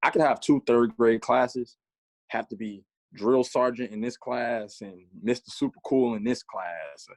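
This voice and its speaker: A physical education teacher in his mid twenties answers interview questions as a guest, easygoing and reflective with light laughs. His mid-range voice is creaky and unhurried. The recording has no room sound but is low in quality.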